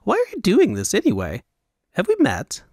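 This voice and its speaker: A flamboyant, excitable male noble, as a narrator voices him, speaks in a high, affected fantasy accent that leaps up and down in pitch. He chatters on in a fussy, offended way, recorded dry and close like an audiobook. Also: normal speed, no room sound, exaggerated voice. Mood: chatty. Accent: high Elvunian fantasy accent.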